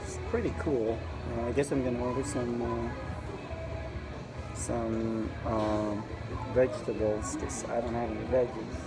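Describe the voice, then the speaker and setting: Man vlogging casually over loud music. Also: mid-range voice, measured pace. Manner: relaxed, hesitant with fillers. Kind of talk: casual vlog narration. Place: large restaurant indoors. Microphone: handheld phone camera.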